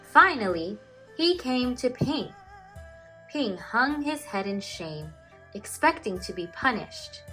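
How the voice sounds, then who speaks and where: A woman speaking as a teacher to children, in an expressive storytelling style with emphatic, deliberate phrasing. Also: fairly high pitch, faint music behind. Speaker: teacher reading stories to children.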